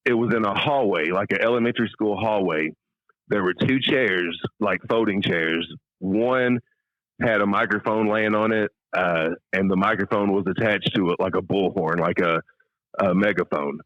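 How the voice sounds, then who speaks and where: A man's voice: on the low side, normal speed, no echo, lo-fi sound. A middle-aged American man, a stand-up comedian telling anecdotes casually as an interview guest and acting out quoted lines. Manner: animated storyteller, acts out quoted lines.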